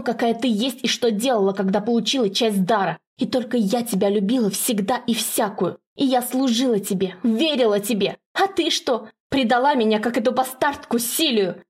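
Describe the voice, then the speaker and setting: A woman voicing a desperate, furious young blonde daughter who shouts and pleads. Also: a little high, husky, voice pushed up.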